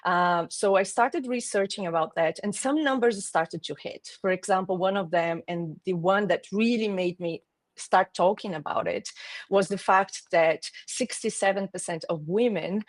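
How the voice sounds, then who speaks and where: A woman's voice: lowish voice, no echo. A woman in her forties from Brazil, speaking English with a Brazilian Portuguese accent, a guest talking thoughtfully over a video call with hesitant restarts. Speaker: guest, marketing executive. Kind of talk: conversational interview.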